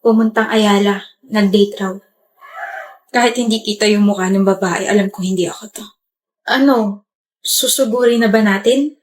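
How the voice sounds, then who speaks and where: A woman acting out scripted POV comedy skits, switching between playful characters. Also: medium pitch. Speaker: comedy skit creator.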